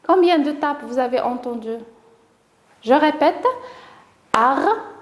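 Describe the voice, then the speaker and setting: Moroccan-accented woman, primary teacher, high voice, slow careful delivery, sounds out syllables, echoey room. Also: darkish tone. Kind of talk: recorded classroom lesson for young children.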